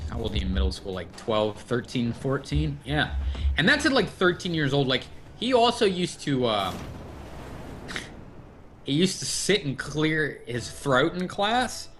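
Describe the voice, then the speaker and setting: On his livestream podcast, a man chats casually and tells stories with animation, swearing freely, using a livestream podcast mic. He talks a little slowly at medium pitch, with faint music behind him.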